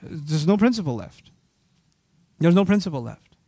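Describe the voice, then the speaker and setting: A man with a high voice preaching a fervent sermon, turning to the listeners with pointed questions. The sound is dry and close, with no room echo. He is originally from Pakistan. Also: very animated, moderate pace, warm tone, husky. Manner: impassioned, asks the audience rhetorical questions. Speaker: Islamic preacher. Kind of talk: sermon lecture to an audience.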